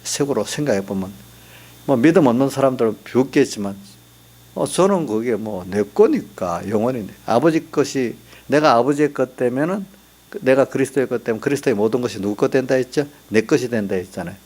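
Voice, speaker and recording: A man's voice: medium pitch, lively intonation, brisk, darkish tone. A middle-aged male pastor preaching a sermon in church, talking in a conversational way and often asking the congregation for replies.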